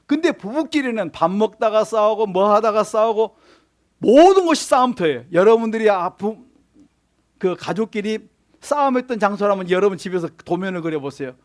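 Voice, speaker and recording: A man's voice: high voice, animated, moderate pace. A male pastor preaching a sermon in church, often putting questions to the congregation and answering them. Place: church sanctuary.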